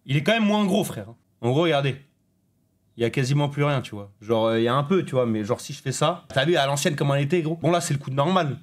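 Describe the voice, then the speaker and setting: A man in his twenties chatting casually on a live stream, bantering with his chat in quick slang. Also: mid-range voice, expressive.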